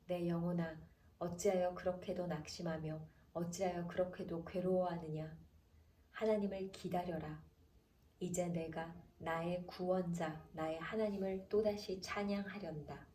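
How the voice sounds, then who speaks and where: A woman announcer reading the Bible aloud in a calm, measured way, slowing down for the chapter headings. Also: fairly low pitch. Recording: roomy echo, distant from mic, faint background noise.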